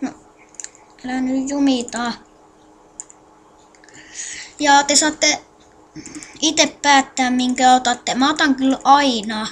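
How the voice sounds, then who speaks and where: This tutorial maker has a high-pitched, steady voice, with slight background noise in the recording. Clicking through a game on screen, she gives viewers casual instructions but keeps muttering to herself, distracted and halting.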